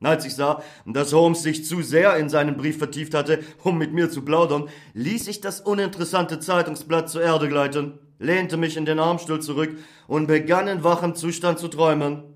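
A man's voice: a little high, fairly even intonation, normal speed. Man reading a classic novel aloud. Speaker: audiobook narrator. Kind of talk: scripted narration.

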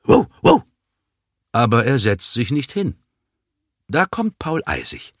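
Male narrator for a children's book, slow and husky, lively melody, dry close mic. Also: medium pitch, no echo. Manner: slow, expressive read-aloud delivery. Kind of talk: children's storybook reading.

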